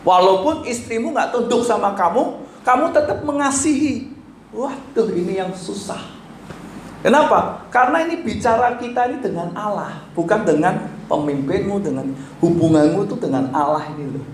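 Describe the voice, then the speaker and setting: A man's voice: high voice, lively intonation, moderate pace. A man preaching a sermon as pastor, emphatic, asking rhetorical questions, with an Indonesian accent. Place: church hall. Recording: echoey church room, faint background noise.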